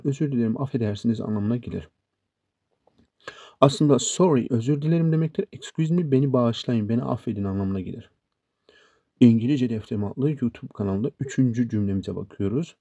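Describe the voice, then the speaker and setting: A man with a gravelly, husky voice gives an English lesson. He talks slowly and on purpose and says each example phrase twice. The sound is dry and close, with a dark, mellow tone. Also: medium pitch, dry recording. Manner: slow, deliberate, repeats example sentences. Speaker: English teacher, channel host.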